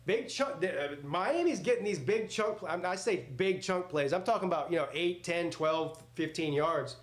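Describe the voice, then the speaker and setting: Hosting a live sports watch party, a man in his forties alternates between casual chatter and play-by-play. His voice sits high at a moderate pace, and his manner is rambling, blunt, and full of jokes.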